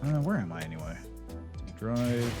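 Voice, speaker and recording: Male game streamer, headset mic, mid-pitched voice, rambling and casual over game music. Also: big pitch swings, normal speed. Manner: rambling, loose, lots of "like" and restarts. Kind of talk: casual livestream chat over gameplay.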